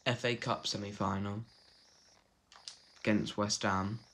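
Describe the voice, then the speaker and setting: A man's voice: on the low side, flat delivery, slow, a bit bright. A man giving casual gameplay commentary, chatting and reacting aloud to a football game with the odd swear. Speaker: gaming channel host.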